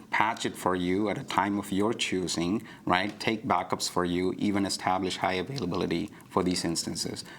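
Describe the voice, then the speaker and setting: A man's voice: deep voice, a bit bright, slight background noise. A man explaining a technical service model on a livestream, talking fluently with frequent "you know" and "right?" fillers. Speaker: cloud provider guest expert.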